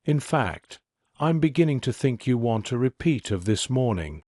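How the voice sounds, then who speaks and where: A man's voice: medium pitch, very animated, normal speed, a little mellow, dry recording, clean studio sound. Man reading as a teasing young woman.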